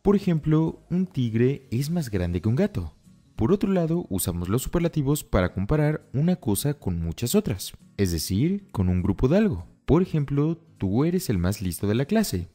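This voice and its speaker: A man teaching a grammar lesson in a scripted way, stressing his linking phrases and slowing down for each example. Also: medium pitch, big pitch swings, dark tone, soft background music. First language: Spanish. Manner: emphatic rising stresses on connecting phrases, slows down for examples. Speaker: English teacher.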